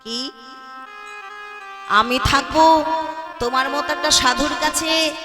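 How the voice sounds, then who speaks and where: A woman playing an indignant stubborn boy. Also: high voice. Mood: defiant. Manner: sharp, indignant, rapid. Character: stubborn angry young boy, impatient. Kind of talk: sung storytelling devotional performance. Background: devotional music with tabla.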